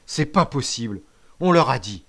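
A man voicing a fierce boy gang chief who shouts accusations and threats. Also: medium pitch, brisk, close to an everyday voice. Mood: furious.

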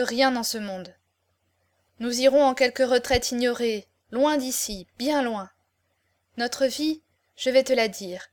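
A woman reading the part of an ardent young male swordsman in love, with impassioned declamation. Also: on the high side. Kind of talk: audiobook character reading.

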